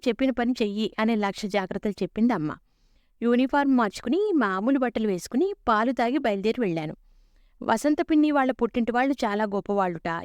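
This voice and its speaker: A woman with a somewhat high, clear and resonant voice reads a humorous story aloud, voicing the characters' lines with life. The sound is close and dry, with no room echo. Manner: lively storytelling with voiced dialogue.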